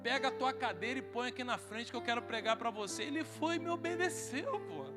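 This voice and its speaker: A man's voice: extremely high pitch, expressive, a little fast. A man with a Brazilian Portuguese accent preaching at a men's congress, telling a funny story and acting out every line of dialogue. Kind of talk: humorous sermon storytelling. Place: large hall at a men's congress. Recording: reverberant hall with faint music.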